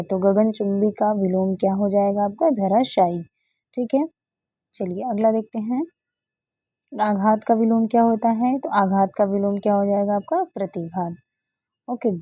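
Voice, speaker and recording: Patiently repeating key answers, a woman tutor goes through exam questions one by one and moves on with short fillers, frequently "ठीक है" and "okay, next है". Her voice is mid-range, there is no room sound, and the highs are cut off.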